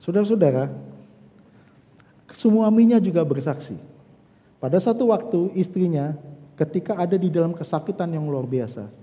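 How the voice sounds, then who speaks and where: A male pastor preaches to his congregation in a high voice, his words carrying a long reverb through the church hall. He calls out to the listeners directly, sinking to hushed, slow lines and then climbing to fervent peaks. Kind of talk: sermon. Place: church service.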